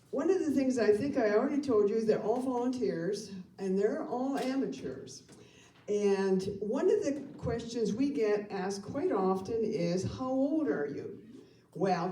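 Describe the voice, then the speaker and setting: A woman in her seventies hosting a live variety show, delivering slow, deliberate one-liners between acts. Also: on the high side, warm tone. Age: 70s. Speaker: show host and emcee. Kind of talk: live stage emcee patter with jokes. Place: performance hall for a live audience. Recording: roomy hall, mic from a distance.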